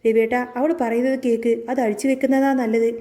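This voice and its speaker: Storybook retelling: a jittery hushed aunt, read by a woman. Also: fairly high pitch, level tone, fast, lightly acted. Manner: hushed, nervous. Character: nervous middle-aged woman, confidante.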